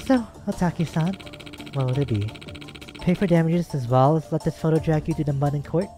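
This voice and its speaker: A man's voice: a little high, brisk, over music, close to an everyday voice. A man voicing a smug, condescending male lawyer, the villain of a video game story.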